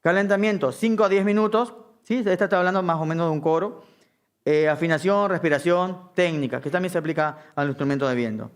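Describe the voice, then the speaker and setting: A middle-aged man teaching a live music-direction class, often checking that the room is following. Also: fairly high pitch. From Argentina. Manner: keeps checking understanding with a quick "¿sí?".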